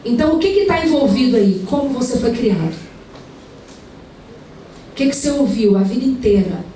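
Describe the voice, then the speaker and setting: A woman's voice: fairly high pitch, expressive, moderate pace, mellow. A young adult woman from preaching a sermon in a conversational storytelling manner, full of rhetorical questions. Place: large indoor event hall. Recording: echoey hall, mic far away, faint room noise.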